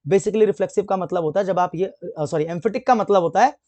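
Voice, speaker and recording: A man teaching an English grammar lesson online. He keeps asking the class questions and answering them himself, and he reads the English example sentences slowly. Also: high-pitched, a little mellow, no echo. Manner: asks and answers his own questions.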